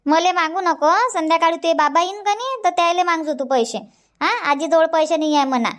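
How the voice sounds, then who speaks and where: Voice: extremely high pitch, fairly quick, a bit bright. An actor voicing a fussy, nagging village grandmother in a cartoon comedy, speaking with a Vidarbha Marathi accent and repeating her questions as she chides. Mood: scolding.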